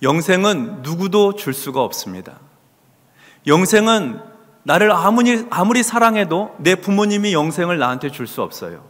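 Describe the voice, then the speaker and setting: A man's voice: high-pitched, sing-song, moderate pace, a bit bright. A man preaching a Bible study sermon as pastor in a church, asking the congregation questions and answering them himself. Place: church sanctuary. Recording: long hall reverb.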